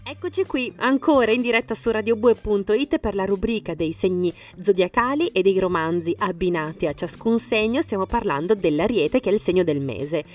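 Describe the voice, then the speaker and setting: A woman's voice: mid-range voice, brisk, hardly any pauses, a little mellow, recorded from a distance, faint music behind. Bubbly woman radio host. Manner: bubbly, laughs often. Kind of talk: lively radio chat.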